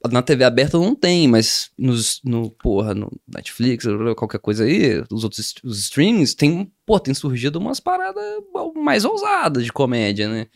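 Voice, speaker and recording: Homem brasileiro de fala gírias e animada. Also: male voice, medium pitch, normal speed, gravelly, hardly any pauses, dry recording, studio quality. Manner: slangy, animated, swearing freely. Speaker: comedian. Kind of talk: casual chat.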